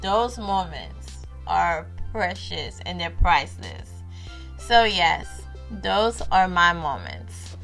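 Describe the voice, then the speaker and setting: A woman's voice: lowish voice, very animated, takes it slowly, gravelly, a bit bright, faint music behind. A woman in her thirties, a mother hosting a parenting vlog, telling family stories to viewers in a casual way and repeating her phrases.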